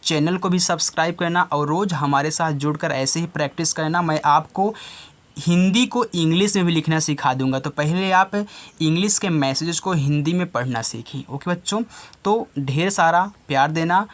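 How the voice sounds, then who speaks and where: A man's voice: a little high, normal speed. A man teaching a reading lesson to children, spelling words out letter by letter and repeating each word several times. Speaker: online tutor.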